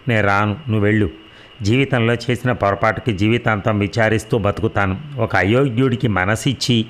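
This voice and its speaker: A man's voice: fairly low pitch, natural voice. A man voicing a proud, sarcastic rich young wife in a read-aloud story, mocking and defiant. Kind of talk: audio drama reading.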